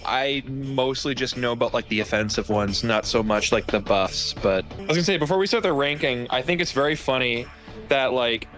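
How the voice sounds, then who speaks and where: Chill guy guesting on a stream, rambly, says like a lot, middle pitch, faint music. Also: fairly bright tone. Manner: rambling, laid-back, lots of "like". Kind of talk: casual chat.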